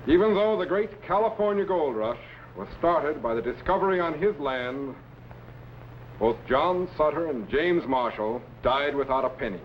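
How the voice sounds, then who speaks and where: An actor playing a calm, commanding time-traveling scientist captain in a 1950s science fiction serial, speaking with measured authority. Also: male voice, fairly high pitch, slight background noise, close to an everyday voice. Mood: measured, reflective. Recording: dull, muffled vintage serial soundtrack.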